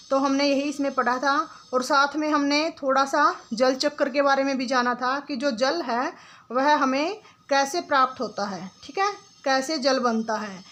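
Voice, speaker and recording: A woman's voice: high-pitched, a bit bright, poor audio. A woman teaching young children in a lesson, asking questions and answering them herself in her words. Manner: asks questions then answers them herself, says "ठीक है" and "बेटा" often.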